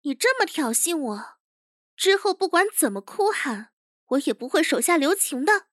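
A woman's voice: sits high, sing-song, normal speed, fairly bright tone, dry recording, studio quality, voice pushed up. A woman voicing a proud, touchy young male interrogation chief with a cocky manner, in an audio drama. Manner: cocky, confident.

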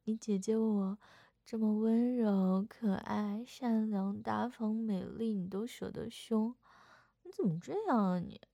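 A woman's voice: mid-range voice, steady tone, a little slow, creaky, dark tone, dry recording. A young woman voicing a playful older sister in a second-person audio role-play, whining and teasing coquettishly. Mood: pouty.

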